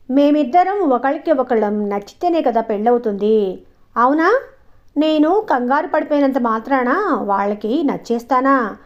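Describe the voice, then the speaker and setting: A composed young daughter who speaks in a gently firm, reasoning way, voiced by a woman reading an audio story. Her voice sits a little high. The audio is slightly dull and lo-fi. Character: calm, self-assured young woman, a grown daughter.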